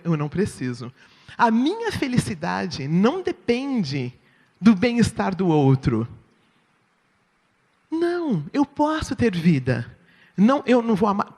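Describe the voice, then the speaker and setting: Brazilian woman church speaker, lively swooping delivery, sermon teaching, long hall echo. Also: medium pitch. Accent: Brazilian Portuguese. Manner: expressive, asks the audience "right?". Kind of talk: sermon-style teaching talk.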